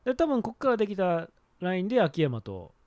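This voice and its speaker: A man with a Kansai accent hosting a relaxed chat and leading the talk. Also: sits high, a little fast, no room sound. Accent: Kansai Japanese. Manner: leads the talk, relaxed, laughs often. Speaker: podcast host. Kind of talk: casual chat.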